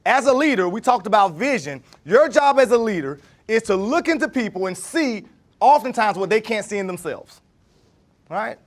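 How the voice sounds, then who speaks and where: Male leadership trainer in his thirties, high voice, lively workshop delivery that keeps quizzing the room. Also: normal speed. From Jacksonville, Florida. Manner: animated, asks the room questions. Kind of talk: workshop talk to a live group.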